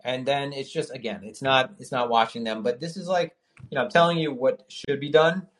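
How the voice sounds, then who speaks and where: A man of middle pitch with the hiccups, hosting a call-in podcast from his home trading desk. He rambles in casual talk, full of restarts and fillers, and swears now and then. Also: brisk, a bit bright. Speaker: podcast host.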